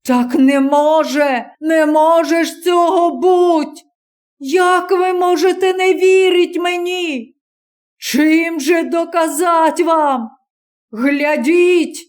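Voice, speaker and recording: A hunted young student pleads with a hostile crowd in an anguished, strained voice, as a woman narrator puts him on. He speaks slowly and climbs into high, cracking shouts. It is an audiobook reading. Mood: desperate.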